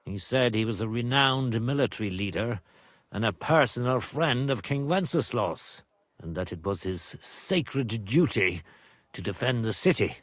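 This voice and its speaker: An actor playing a proud older nobleman and father in a medieval video game, speaking gravely and formally. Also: mid-range voice, animated, a little slow, a bit bright, no room sound, studio quality. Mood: somber. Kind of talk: video game dialogue acting.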